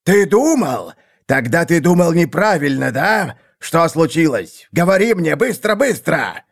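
A man's voice: fairly high pitch, sing-song, unhurried, pitched above the performer's own voice, exaggerated voice. A man voicing an impatient, imperious male rat-man seer who squeals his demands. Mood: furious.

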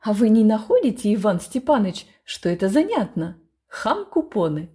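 A woman voicing a fawning, show-off male lodger who talks slowly and is pleased with himself. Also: mid-range voice, very animated, warm tone, lightly acted. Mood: smug.

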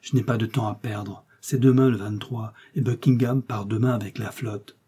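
Male reader playing a solemn, devoted young officer; dark, husky tone. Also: fairly low pitch, steady tone, moderate pace. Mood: solemn, resolute.

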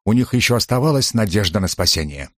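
A man narrates a historical adventure audiobook in a steady, dramatic way. His voice sits low, and the recording is dry and close with no room sound. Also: fast, no echo. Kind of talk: scripted narration.

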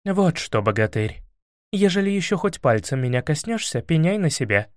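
A man's voice: fairly high pitch, normal speed, no echo, studio quality. A man voicing a stern, knowing princess. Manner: calm, commanding and lecturing. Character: shrewd grown princess, stern and teasing. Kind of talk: audiobook character voice.

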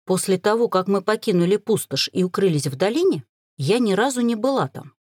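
A woman narrating a novel in the first person, with expressive storytelling. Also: medium pitch, a little fast, breathy edge, no echo, studio quality. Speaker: audiobook narrator.

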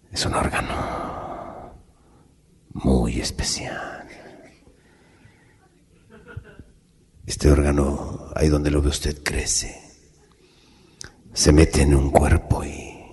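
A man playing a flustered, excitable priest who gushes in exclamations. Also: very deep voice, gravelly, pitched below the performer's own voice, exaggerated voice. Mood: hushed.

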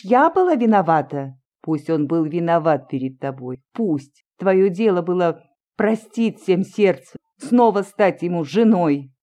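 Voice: medium pitch, dark tone, natural voice. A reader voicing a pleading pious old woman. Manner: earnest, imploring. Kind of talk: audiobook reading.

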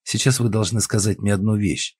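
A man voicing a calm, persistent male investigator who speaks in a measured way, with a husky voice. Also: lowish voice, no room sound, studio quality, voice pushed up.

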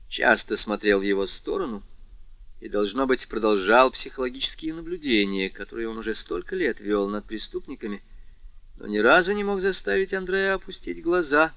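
A man narrating a classic novel aloud in steady, measured storytelling. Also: medium pitch, gravelly, dry recording, muffled recording. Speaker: audiobook reader. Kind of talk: scripted narration.

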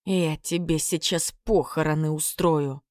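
A woman voicing a brash, blunt young male hero who talks gruffly. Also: sits low, steady tone, unhurried, a little mellow, dry recording, studio quality.

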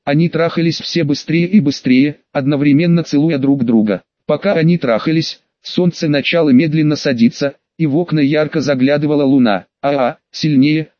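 A man reading an audiobook in steady scripted narration. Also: a little high, fairly quick, few pauses, dry recording. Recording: dry, dull lo-fi audio.

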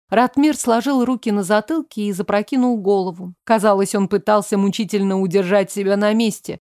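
A woman's voice: medium pitch, a little mellow, no room sound, clean studio sound. A woman reading a first-person story aloud as an audiobook narrator, expressively. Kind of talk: scripted narration.

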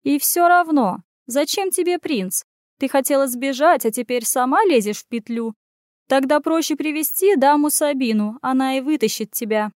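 Woman doing a snappy little girl-cat, bossy and high, dry close sound. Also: darkish tone, no room sound, close to an everyday voice. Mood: fretful. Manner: scolding, quick retorts. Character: sharp-tongued female talking cat, bossy. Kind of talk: audiobook character voice.

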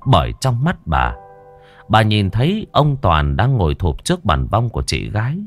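A man narrating a scripted horror story in a dramatic, drawn-out storytelling manner. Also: fairly low pitch, huge pitch swings. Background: faint music.

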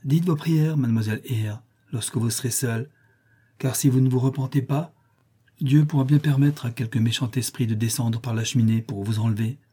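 A man's voice: mid-range voice, fairly even intonation, a little fast, warm tone, breathy edge, close to an everyday voice. A man voicing a stern, pious middle-aged maid in a storybook reading, who scolds in a self-righteous way. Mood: scolding.

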